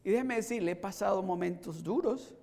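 A middle-aged male preacher telling a personal testimony in a sermon, moving from soft storytelling to shouted exhortation and mixing Spanish with English. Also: sits high, brisk. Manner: switches between Spanish and English.

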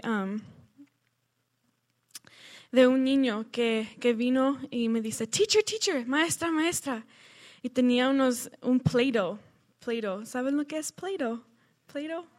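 A woman shares a testimony in church. She tells it earnestly and conversationally, stopping to restart her sentences, in a fairly high voice. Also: a little mellow. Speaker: church member sharing a testimony.

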